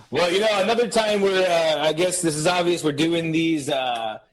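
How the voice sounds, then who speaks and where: A man with a slightly raised pitch co-hosting a podcast over a video call. He chats loosely, laughs a lot and swears casually. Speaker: podcast co-host.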